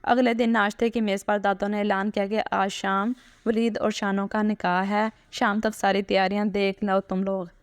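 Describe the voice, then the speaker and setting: A woman storyteller giving a steady scripted narration of an emotional family story. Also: medium pitch, moderate pace, hardly any pauses, dry recording, studio quality. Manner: steady, even reading.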